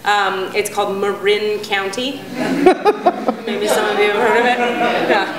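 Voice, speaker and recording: A woman doing a stand-up comedy set, animated and sarcastic, often acting out other people. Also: mid-range voice, unhurried, a loud crowd. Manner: animated, sarcastic, acts out characters. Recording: echoey room, audience noise.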